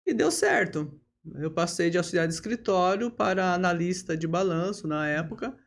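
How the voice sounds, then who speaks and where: A woman tells her own story as a podcast guest. Her voice has a gravelly, fried edge, and she speaks steadily. She keeps checking in with little tag questions and pauses to fill gaps. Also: on the low side. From Brazil. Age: 50s. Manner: steady, with frequent tag questions and hesitation fillers. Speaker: lawyer and bar association leader, podcast guest. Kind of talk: relaxed interview storytelling.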